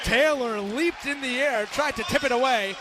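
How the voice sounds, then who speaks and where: At normal speed and in a very high-pitched voice, this American announcer delivers live radio play-by-play of basketball, pushing his voice over the crowd. He sits courtside in an indoor arena, where the loud crowd and bouncing balls are audible.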